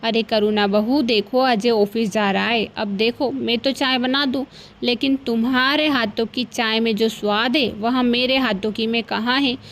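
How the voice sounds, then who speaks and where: A crafty older mother-in-law, put on by a woman storyteller in a cartoon tale. She coaxes and flatters in a fairly high voice. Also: a little slow. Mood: coaxing. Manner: coaxing, heaps on flattery. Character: scheming sweet-talking old mother-in-law.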